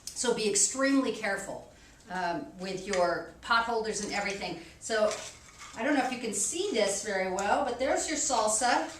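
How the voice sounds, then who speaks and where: A woman's voice: mid-range voice, lively intonation, normal speed. A woman hosting a library's cooking show, talking casually and self-deprecatingly with many ums as she demonstrates a recipe in a kitchen. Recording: echoey kitchen, distant mic, faint noise.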